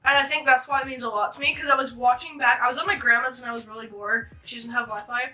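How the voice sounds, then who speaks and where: A woman's voice: on the high side, steady tone, fast talker, sharp tone. A woman hosting her channel, telling a story in a casual, rambling way with many fillers and restarts. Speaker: channel host. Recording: distant mic with faint music.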